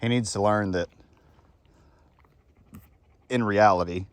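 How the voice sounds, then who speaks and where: Speaking slowly in a voice on the low side, a man who trains dogs and owns a kennel gives an unscripted talk outdoors. His delivery is casual and blunt, rambling with lots of fillers.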